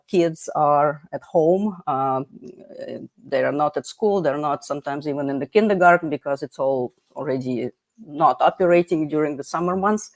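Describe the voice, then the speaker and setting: A woman's voice: sits low, no room sound. A woman hosting a livestream panel over a video call, chatty, with many fillers and restarts. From United States. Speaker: livestream host.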